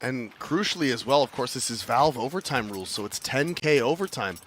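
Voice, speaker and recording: A man's voice: medium pitch, animated, a little fast, a bit bright, slight background noise. A man casting esports live, explaining tactics and building suspense around each play. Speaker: esports caster.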